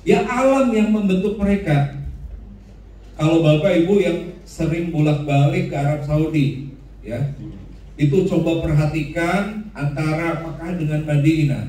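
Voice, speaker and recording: Guy teaching a room full of people, lively and jokey, lots of echo, a bit far from the mic. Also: on the high side, unhurried, long pauses. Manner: lively, joking, asks the room questions. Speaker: instructor. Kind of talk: classroom lecture with audience questions.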